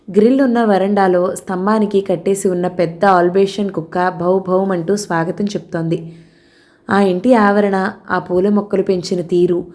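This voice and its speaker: A woman narrating a novel aloud in a steady, measured storytelling voice. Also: mid-range voice.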